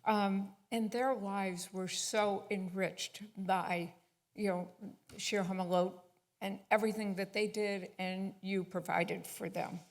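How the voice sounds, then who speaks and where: A woman giving a tribute speech at a synagogue service while presenting an award, halting with frequent fillers. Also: mid-range voice, steady tone.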